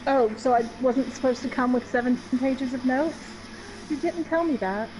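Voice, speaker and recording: A woman's voice: high-pitched, moderate pace, a little mellow, slight background noise, poor audio. A woman interviewer with a dry, teasing manner, asking questions in an in-character interview.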